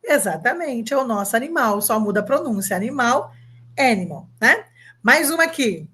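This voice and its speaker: A Brazilian woman in her fifties, an English teacher giving an online lesson, upbeat and coaxing, drilling words slowly and spelling them out. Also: on the high side, expressive, fairly bright tone, husky. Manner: upbeat, coaxing, asks the viewer to answer.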